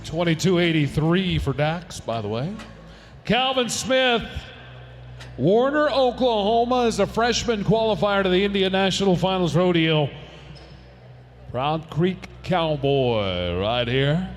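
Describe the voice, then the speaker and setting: A man's voice: fairly high pitch, a little slow, soft background music. A man announcing a rodeo live, calling the runs with rising energy and reading sponsor and event notices. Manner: energetic, swells to shouts on runs.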